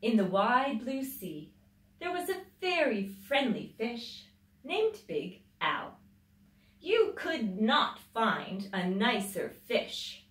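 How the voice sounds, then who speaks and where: Reading a picture book to children, a female storytime host and teacher is highly expressive and dramatic, taking her time and lengthening words for emphasis. She's in a small library room with tiles underfoot, and the camera a few metres off gives a roomy echo and distant sound.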